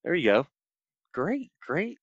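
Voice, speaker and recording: A relaxed co-host chats plainly on a podcast, blunt and offhand with a casual swear here and there. The voice sits at a middling pitch and sounds dry and close-miked. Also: takes it slowly, no echo, dull audio. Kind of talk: casual chat.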